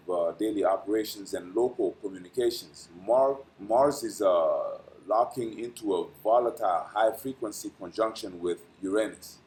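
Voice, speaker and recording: A man running an astrology channel reads a dense weekly forecast, filling it with "uh"s and small stumbles, then rambles casually through his sign-off. He pronounces English carefully, as a language learned later in life, and his voice is lowish and darkish, with poor audio quality.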